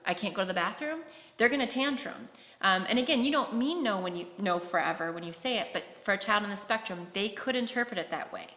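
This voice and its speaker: A woman's voice: mid-range voice, quick pace, sharp tone. A woman presenting a practical workshop talk at a conference, explaining with concrete classroom examples. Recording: echoey hall.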